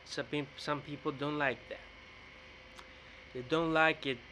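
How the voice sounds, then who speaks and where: A young Greek vlogger with a Greek accent rants casually into a close-up webcam in a bright indoor room, rambling and repeating and restarting words. His fairly high voice is steady, unhurried, pushed and bright, on a low-quality recording with slight background noise.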